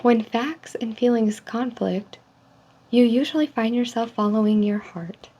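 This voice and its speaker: A woman speaking softly in an ASMR role-play, reading survey statements in a polite, measured customer service manner. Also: a little high. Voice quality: soft, hushed. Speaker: ASMR role-player as call center agent giving a personality survey. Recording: dull lo-fi sound with faint noise.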